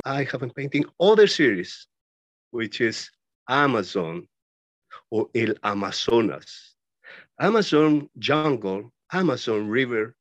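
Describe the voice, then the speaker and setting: A man speaks slowly, stopping often and piling up lists of words as he explains his paintings. The recording is dry and close, without room echo. The sound is a little dull and lo-fi. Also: mid-range voice. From Ecuador. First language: Spanish. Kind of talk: casual talk about his own paintings. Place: his art studio.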